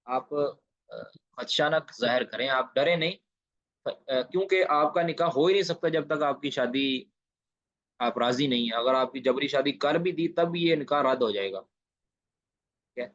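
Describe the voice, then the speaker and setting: A man's voice: mid-range voice, fairly bright tone, no room sound. A man teaching an online Islamic studies lecture, translating Arabic hadith line by line and stressing key phrases. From Pakistan. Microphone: video call. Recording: dull lo-fi online class audio.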